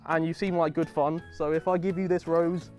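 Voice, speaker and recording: A young man in his twenties from Guernsey, awkwardly delivering deadpan confessions as a contestant on a studio dating show. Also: on the high side, normal speed. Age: 20s. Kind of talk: comedic dating-show pitches. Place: indoor studio stage. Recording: studio with background music.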